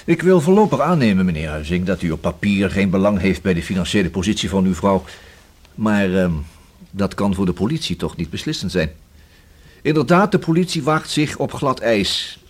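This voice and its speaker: In a Dutch radio play, an actor takes the role of a persistent police inspector with a dry, ironic streak. His low, husky male voice is animated yet formal and measured, and the mood is probing.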